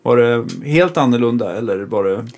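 A man's voice: medium pitch, lively intonation, a little mellow. A male musician chatting casually, thoughtful and loose, full of fillers as he reflects. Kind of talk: casual interview chat.

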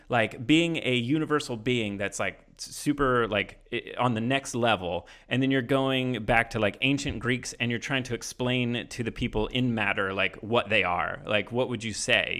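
Bright-voiced laid-back man in his thirties. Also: mid-range voice, moderate pace, hardly any pauses. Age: 30s. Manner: laid-back, musing, laughs easily. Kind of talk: casual chat.

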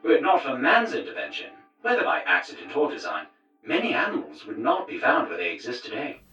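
A man's voice: mid-range voice, wildly swooping pitch, pushed and bright, pitched above the performer's own voice. A man voicing a male professor lecturing on television, heard as distant muffled TV sound. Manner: measured, lecturing. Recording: roomy, muffled TV audio with music.

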